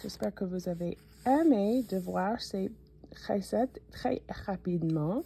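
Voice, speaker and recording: A woman's voice: mid-range voice, takes it slowly, vocal fry, dark tone, a little hiss or hum. A woman from the New York suburbs with an American accent, a native English speaker, hesitantly walking viewers through a cookbook in a casual vlog. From United States (New York suburbs). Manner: hesitant, frequent fillers and self-corrections. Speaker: cooking channel host.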